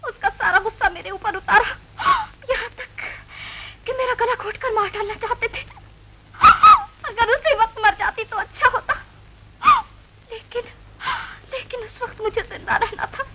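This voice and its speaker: An actress playing a wronged young wife, tearful but proud, in earnest 1940s film acting. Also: female voice, very high voice, moderate pace, pushed and bright, a little hiss or hum, rough recording. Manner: earnest, pleading.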